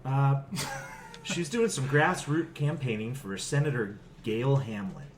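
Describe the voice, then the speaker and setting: A man's voice: medium pitch, takes it slowly, background noise. A man hosting a comedy movie-review podcast, talking in a mock-earnest, joking way and often laughing. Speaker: podcast host.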